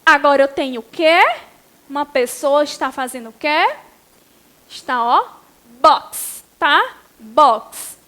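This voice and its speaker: A Brazilian woman teaching a primary school writing and spelling class, sounding out syllables slowly and encouraging the pupils. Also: sits high, expressive, a bit bright. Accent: Brazilian Portuguese. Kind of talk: recorded online class.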